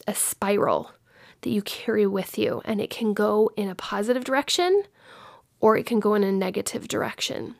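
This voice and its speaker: A woman in her thirties from the Dallas-Fort Worth area of Texas gives an informal talk on communication, using personal stories to explain her points. Her voice is medium-pitched and gravelly, recorded in studio quality with no room sound.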